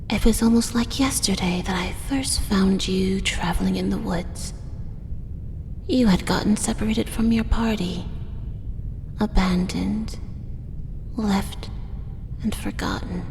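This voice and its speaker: In a soft, breathy, whispered ASMR roleplay, a woman voices a doting, possessive female drider monster, coaxing with tender menace. The audio carries echoey, cave-like reverb and a faint rumbling noise.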